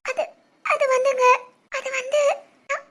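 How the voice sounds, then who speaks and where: A woman's voice: very high voice, flat delivery, measured pace, fairly bright tone. A woman voicing a tearful young pregnant bride in a dubbed cartoon drama, stammering through sobbing apologies.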